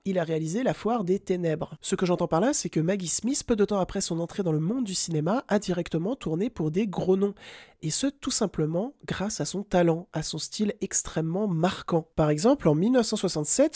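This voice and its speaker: A man's voice: sits high, mellow, dry recording, clean studio sound. A man hosting a podcast, delivering a film tribute in an earnest, reflective way. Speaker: podcast host.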